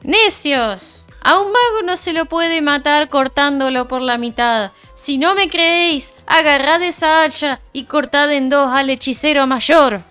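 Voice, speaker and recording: A woman's voice: sits high, a little slow, hardly any pauses, bright, forceful tone, soft background music. A woman putting on a solemn vengeful witch voice. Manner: formal, solemn, old-fashioned pronouncements. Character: vengeful witch's voice booming from a tree stump. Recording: from far off the mic.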